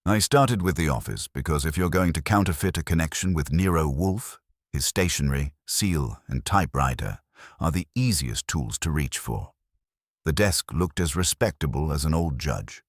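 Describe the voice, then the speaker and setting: In scripted first-person audiobook narration, a man tells a detective story in an extremely low voice at normal speed. He sounds wry and wisecracking, his intonation swinging lively, and the recording is dry and close with no room sound.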